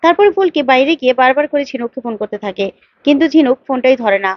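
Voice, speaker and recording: A woman telling a story in a plain, rapid way, her voice high and quick. The recording is very dry and slightly dull. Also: expressive, no room sound. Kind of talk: storytelling narration.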